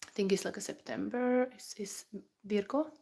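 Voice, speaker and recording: In a medium-pitched, mellow voice with vocal fry at normal speed, a Finnish woman gives a live tarot reading despite having the flu. She thinks aloud in a rambling way full of fillers and restarts, her Finnish accent clear, slipping into whispers as she channels.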